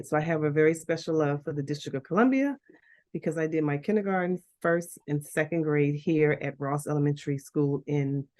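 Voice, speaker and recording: A middle-aged Liberian woman who founded a school chats casually as a guest, recounting her life story with laughter and restarts. Her voice is low-pitched with a darkish tone.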